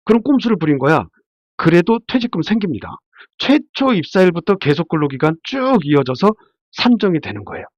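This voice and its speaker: Speaking fairly quickly in a high, sing-song voice, this labor attorney delivers an informal, explanatory slide talk, frequently asking and answering his own questions. A head cold leaves him stuffy, nasal, and congested. There's no echo, but the lo-fi sound is dull and muffled.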